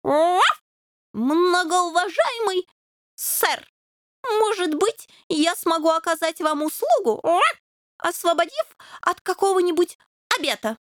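A woman's voice: lively intonation, slow, pauses often, no room sound, studio quality, full character voice. A woman voicing a young male fox terrier puppy who dreams of knighthood, pompous and chivalrous, always saying "oh". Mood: courtly. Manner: high-pitched, peppers speech with "oh".

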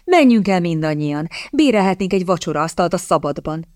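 A woman's voice: on the low side, expressive, darkish tone, dry recording, clean studio sound, lightly acted. A woman reading aloud as a cheerful noble mother who gushes with delight, in a storybook reading. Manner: gushing, delighted.

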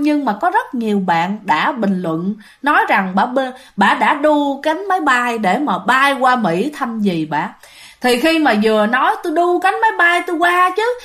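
A woman's voice: on the high side, fairly bright tone. A woman telling a ghost story casually, talking straight to her listeners. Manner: chatty, addresses listeners directly.

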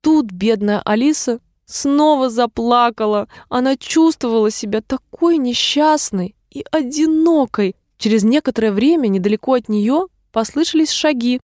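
Calm female storybook narrator, fairly high, dry studio sound. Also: normal speed, no room sound. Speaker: audiobook reader.

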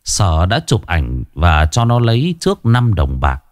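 A man reads a ghost story with an expressive, animated delivery. His pitch rises and falls a lot as he tells it. The recording is close and dry with no room sound. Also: unhurried, dry recording.

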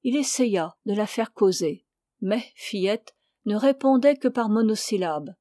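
A woman reading a classic novel aloud in a measured, expressive narration. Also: medium pitch, no room sound, clean studio sound. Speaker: audiobook reader. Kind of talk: literary audiobook narration.

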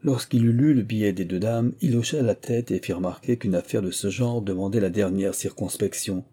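Man with a very dark, husky voice. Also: fairly low pitch, fairly quick. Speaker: audiobook reader. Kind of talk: scripted narration of a classic novel.

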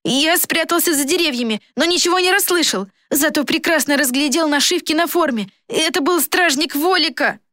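A woman's voice: high voice, normal speed, hardly any pauses, bright, forceful tone, no echo, studio quality, voice pushed up. A woman voicing a frightened young boy who talks in a breathless, stammering rush. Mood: pleading.

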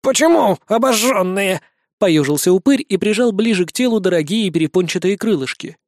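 Audiobook narrator: man, higher than average, even storytelling read, dry close studio sound. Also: quick pace, no room sound.

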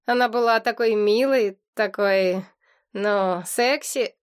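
A woman's voice: mid-range voice, slow, clean tone, natural voice. A woman voicing a naive, cheerful young male demon who talks eagerly and sheepishly, in an audiobook reading.

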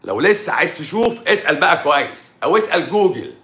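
A man's voice: on the high side, sing-song, quick pace, fairly bright tone. A middle-aged man with an Egyptian Arabic accent, a doctor ranting combatively on a live stream and firing off rhetorical questions. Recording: echoey room.

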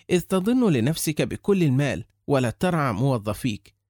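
Played by a man, an indignant nine-year-old boy on the edge of tears, pleading and accusing in a raised, lively voice. The sound is dry and close to the mic. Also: a little high, dry recording. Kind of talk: audiobook character reading.

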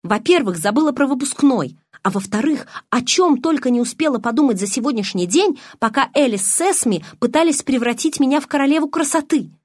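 A woman narrating a first-person audiobook in an expressive, emotional reading. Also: sits high, a little fast, few pauses, no room sound, clean studio sound.

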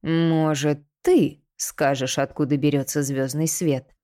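A woman's voice: low-pitched, steady tone, slow pace, warm tone. A woman voicing a brutal male torturer who growls threats in an audiobook. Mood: threatening. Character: brutal male torturer, adult man, menacing.

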